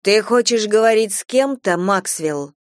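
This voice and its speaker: Woman doing a high shrill voice, furious young woman, quick temper, audiobook, dry sound. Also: no echo, close to an everyday voice. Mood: tremulous. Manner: shrill shouting in anger.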